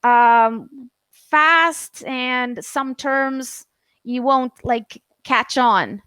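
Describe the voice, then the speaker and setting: Her voice sits high and comes out extremely slowly, pushed, bright and smooth, with no trace of room sound. She's a Canadian woman giving a casual English conversation lesson over video call, hesitating often and restarting with fillers.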